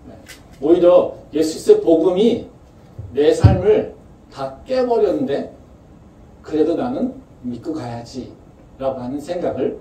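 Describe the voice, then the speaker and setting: A man's voice: fairly high pitch, measured pace, mellow. A male pastor giving a conversational sermon with rhetorical questions, recorded from a distance in a church. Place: campus church sanctuary. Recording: echoey church room from far off, faint noise.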